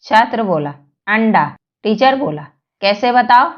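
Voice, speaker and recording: A woman's voice: fairly high pitch, expressive, measured pace. Woman reading jokes, echoey lo-fi sound. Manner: reads every character in one plain voice. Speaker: joke reader. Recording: echoey lo-fi recording.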